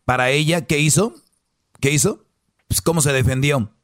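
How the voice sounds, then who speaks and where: A man's voice: on the high side, moderate pace, fairly bright tone, no echo, studio quality. A man hosting a podcast, commenting on a clip in a ranting, preachy way. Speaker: podcast host.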